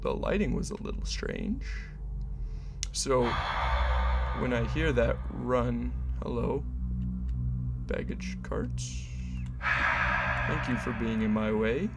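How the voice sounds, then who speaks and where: A man's voice: mid-range voice, big pitch swings, takes it slowly, vocal fry, long pauses, loud music behind the voice. A man giving casual, jokey commentary to himself while he plays a horror game. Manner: chatty, jokey, muttering to himself. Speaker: gamer playing a horror game. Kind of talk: casual let's-play commentary.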